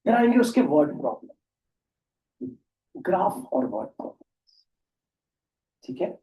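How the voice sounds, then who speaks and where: Joking tutor, echoey room. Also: male voice, sits high, very animated, unhurried, mellow, recorded from a distance. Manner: chatty, jokey teaching with mock dialogues; mixes Hindi and English. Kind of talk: classroom science lesson.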